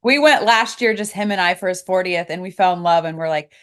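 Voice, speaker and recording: A woman's voice: lowish voice, a little fast. A woman, a coach and speaker guest on a podcast, chatting cheerfully. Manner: cheerful, laughs often. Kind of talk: casual interview chat.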